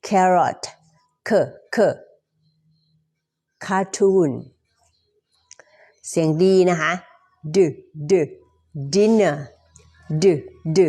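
Slow, patient woman drilling sounds. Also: on the low side, a little mellow. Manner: repeats sounds slowly, politely ending phrases. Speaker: pronunciation teacher. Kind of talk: slow, drilled phonics lesson.

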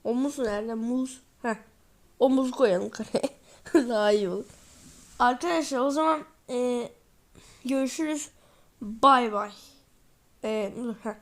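A woman's voice: fairly high pitch, a little slow, pauses often. A sleepy woman hosting a football video game channel, chatting casually and rambling while she plays. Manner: chatty, rambling, repeats "neyse" often. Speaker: gaming channel host.

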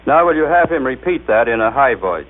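A man's voice: mid-range voice, big pitch swings, a little fast, noisy background. An American man presenting a formal scripted demonstration with careful, showmanlike enunciation. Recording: tinny, band-limited 1930s radio recording.

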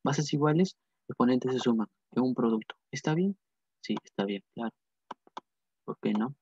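A man's voice: medium pitch, moderate pace, vocal fry, warm tone, a little hiss or hum. Repetitive man tutoring math. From Peru. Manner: repetitive, asks and answers his own questions. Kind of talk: whiteboard math lesson. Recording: dull lo-fi dry sound.

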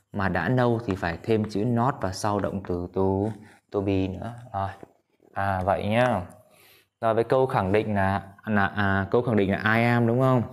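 A man teaching an English grammar lesson at a whiteboard, patient, often asking his students questions and repeating examples slowly. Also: on the low side.

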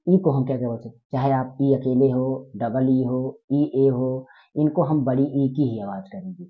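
A man's voice: medium pitch, fairly even intonation, normal speed. A man teaching a spoken grammar lesson, repeating words and quizzing his listeners with questions as he goes. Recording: tinny phone-like sound.

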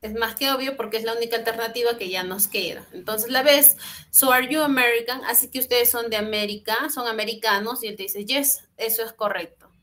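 Speaking a little high and fairly quickly, with a somewhat bright tone, a young woman patiently explains English exercises to an online class, alternating Spanish and English. Slight background noise accompanies the laptop webcam audio from her small room at home on a video call.

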